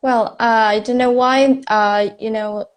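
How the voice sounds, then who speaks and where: A woman's voice: a little high, steady tone, a little slow, soft background music. A woman with an Indonesian accent hosting an English-learning live stream, speaking English hesitantly with many fillers. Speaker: host, English teacher. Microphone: phone on a live video stream.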